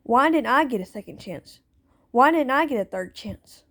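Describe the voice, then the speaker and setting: A woman's voice: on the high side, lively intonation, moderate pace, fairly bright tone. A woman speaking out as a parent in a personal monologue, plaintive and aggrieved, repeating herself with nonstandard grammar. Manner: plaintive, aggrieved, repetitive phrasing.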